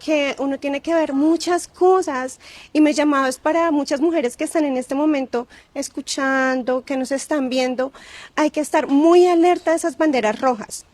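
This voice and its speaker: A woman guest in an interview, recounting her experience earnestly and emotionally, often pausing on fillers and repeating herself. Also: sits high, a little mellow, dry recording. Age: adult with grown daughter. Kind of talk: personal testimony in an interview.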